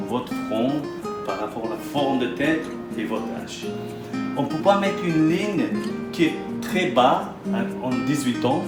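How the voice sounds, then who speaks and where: A mid-range male voice belongs to a non-native French speaker, a hair transplant surgeon presenting a patient. His explanatory consultation talk, done interview-style, is halting and repetitive. The recording comes from an echoey room with loud guitar music in the background.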